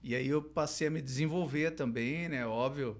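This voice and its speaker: A middle-aged clown and theater teacher from Londrina, Brazil, tells his life story as a guest in a casual podcast interview. He is hesitant, full of restarts and fillers, and laughs easily. His voice is a little high, at a moderate pace.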